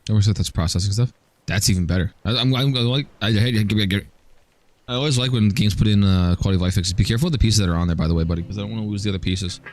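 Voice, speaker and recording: Joking low-voiced man streaming. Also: very fast, a little mellow, slight background noise. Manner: joking, chatty, frequent stammered restarts. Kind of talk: casual livestream chat while gaming.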